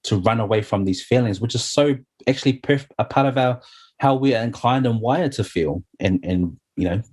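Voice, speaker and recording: A man's voice: medium pitch, moderate pace, a little mellow, slightly rough. A middle-aged man, sharing his story earnestly and heartfelt as an interview guest, often saying "you know". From New Zealand.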